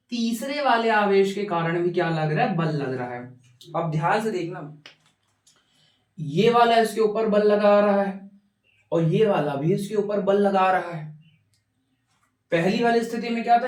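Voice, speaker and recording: A man teaches physics, coaxing his students and supplying their answers himself. His voice sits high, and it carries a roomy echo, as though the mic were set some way off. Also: distant mic. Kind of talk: classroom lecture to students.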